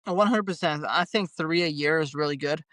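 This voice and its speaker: A man's voice: fairly high pitch, brisk, a bit bright, a little hiss or hum. A man being interviewed as a bare knuckle fighter, talking in an easygoing way and laughing often. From Canada. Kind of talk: casual interview.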